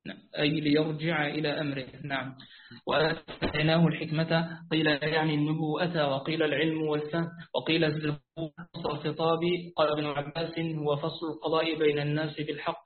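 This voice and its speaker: A student with a fairly high voice reads a classical commentary aloud, carefully but with restarts, in a flat, quick delivery. He's on a rooftop outdoors calling over a weak phone network, so the line sounds tinny with a little hiss or hum.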